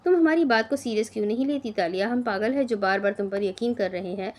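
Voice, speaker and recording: A woman's voice: a little high, quick pace, a little mellow, lightly acted. A woman voicing a blunt, protective young woman who scolds her friend urgently in a storybook reading. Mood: scolding.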